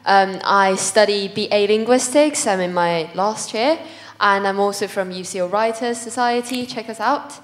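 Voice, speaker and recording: A woman's voice: medium pitch, moderate pace, long reverb tail. A young woman from China, a student panelist introducing herself playfully. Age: young adult. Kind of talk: self-introduction.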